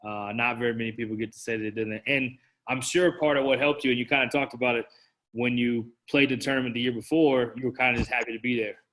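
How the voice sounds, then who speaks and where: A man's voice: medium pitch, level tone, fast, a bit bright, low-quality recording. A man hosting a casual coaching interview, chatty and asking several questions in a row.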